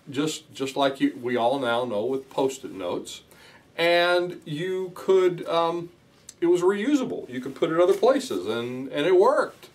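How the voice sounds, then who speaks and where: A man hosting a show, telling a story to the camera in a lively, conversational way, with frequent fillers and restarts. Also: a little high. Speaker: host. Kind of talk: casual talk to camera. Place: office room with sticky notes behind him.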